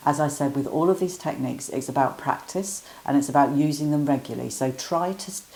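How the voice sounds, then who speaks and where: A woman teaching guided breathing exercises in a gentle, encouraging, step-by-step way. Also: low-pitched, a little fast.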